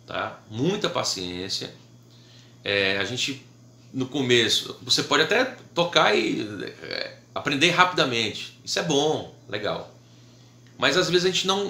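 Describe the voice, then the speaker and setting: Bright-voiced Brazilian harmonica teacher. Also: male voice, medium pitch, reverberant. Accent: Brazilian Portuguese. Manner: patient, checks in with "tá?" and "né?" often. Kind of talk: casual video lesson.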